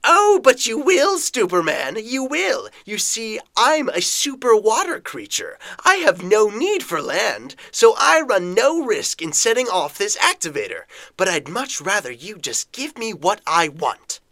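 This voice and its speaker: A man's voice: high-pitched, very animated, unhurried, few pauses, sharp tone, no echo, pitched above the performer's own voice, heavily acted. A man doing a cackling water-monster villain. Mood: taunting. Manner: cackling, taunting. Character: gloating male water-creature villain.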